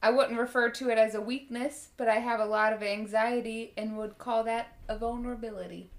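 A woman's voice: on the high side, fairly even intonation, brisk. A woman on a podcast panel, chatting casually and jokingly. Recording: group chatter and laughter behind.

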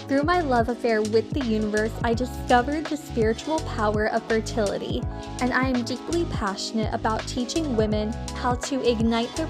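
Higher-voiced woman reading a podcast intro. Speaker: podcast host.

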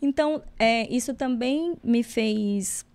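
A woman's voice: on the high side, a little mellow. Joking Brazilian woman podcast host. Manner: joking, self-mocking, talks in quick bursts. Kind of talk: casual podcast chat.

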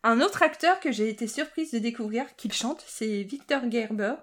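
A woman with a fairly high voice hosts a relaxed podcast chat. She stumbles over words, corrects herself on the fly and laughs often. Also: moderate pace. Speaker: podcast host.

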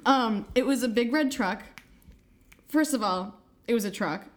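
A woman's voice: on the high side, unhurried. A woman co-hosting a podcast in casual chat, telling rambling, profane stories. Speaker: podcast co-host.

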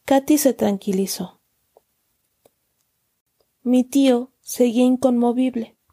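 Woman reading a story, mellow voice. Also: fairly high pitch, slow pace. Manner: calm storybook narration with acted dialogue. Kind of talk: reading a children's story aloud.

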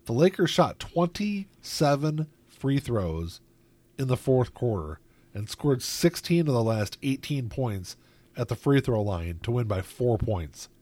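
A man's voice: mid-range voice, sing-song, measured pace, a little mellow, dry recording. A man hosting a casual chat, rambling with lots of filler words.

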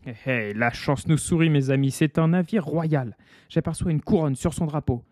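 A man voicing a boastful, gruff one-eyed pirate captain who barks orders in a storybook reading. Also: on the high side, normal speed, no echo, clean studio sound, natural voice. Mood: commanding. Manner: loud barked commands.

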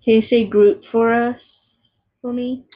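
Husky, giggly young woman chatting. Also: fairly high pitch, little pitch movement, a little slow, muffled recording. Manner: rambling, giggly, teasing. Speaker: vlogger. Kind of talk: casual chat with a friend.

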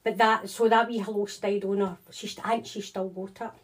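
A woman's voice: medium pitch, level tone, brisk. A woman with a Scottish accent, a psychic medium talking casually and reassuringly as an interview guest. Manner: chatty, reassuring, with frequent restarts.

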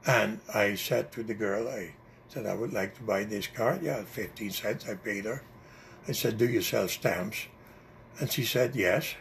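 An older man with a Dutch accent and a deeply gravelly, creaky voice recounts his memories. He rambles and pauses often between words as an interviewee. His pitch sits in an ordinary middle range. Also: a bit bright, slight background noise. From Netherlands. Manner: rambling storyteller with many hesitations. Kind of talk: oral history interview.

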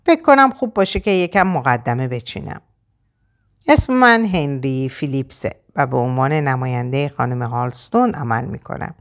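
Polished male lawyer in an audiobook, formal and courteous, read by a woman, low voice, lively intonation. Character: polished middle-aged male lawyer, smooth and businesslike.

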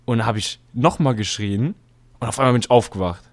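A young man co-hosting a casual podcast, telling stories in a slangy, animated way with many fillers. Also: medium pitch, a little fast, a little hiss or hum. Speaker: podcast co-host. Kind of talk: casual chat.

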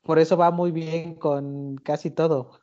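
A man's voice: on the high side, flat delivery, slow, mellow. A man with a Mexican Spanish accent hosting a casual podcast chat, talking loosely with many fillers. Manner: chatty, hesitant fillers, laughs often. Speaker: podcast host. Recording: lo-fi recording.

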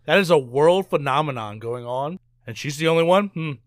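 Male co-host, higher voice that swoops all over, incredulous and laughing, dry close sound. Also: a little fast, no room sound. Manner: animated, incredulous, laughs a lot. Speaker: co-host reviewing a movie. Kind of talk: casual review chat.

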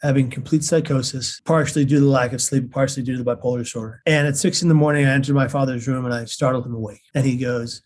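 A man's voice: medium pitch, steady tone, fast, few pauses, darkish tone, slight background noise. A man telling his own story in an earnest, intense way as an interview guest. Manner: earnest and intense, acts out quoted voices. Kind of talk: personal storytelling.

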